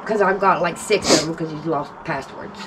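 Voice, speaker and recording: A woman's voice: low-pitched, moderate pace. A mother, upset and near tears, scolding and pleading with her son. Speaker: suspect's mother. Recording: distant mic with loud background noise.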